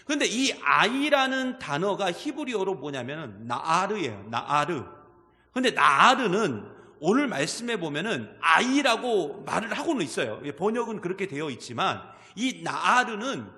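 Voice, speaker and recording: A man preaches with a fairly high voice that swoops up and down. He talks to the congregation and keeps asking them questions. The sound carries a long church-hall reverb. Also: very animated, normal speed, sharp tone. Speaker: pastor. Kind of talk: sermon.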